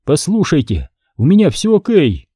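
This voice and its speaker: A man playing a high-strung woman navigator, her voice pushed up high and lively as she argues urgently. Her dark, mellow tone stays close and dry in an audiobook read. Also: normal speed, breathy edge, no echo. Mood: pleading. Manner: urgent, strained, at times shouting. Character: tense female navigator, woman on edge. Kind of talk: audiobook character reading.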